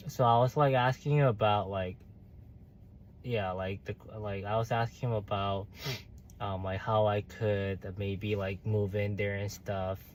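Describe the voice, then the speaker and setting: A man's voice: on the low side, fairly even intonation, measured pace, slight background noise. A young man, chatting casually on a livestream while reading viewer comments, hesitant with many fillers and restarts. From South Korea. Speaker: livestream host.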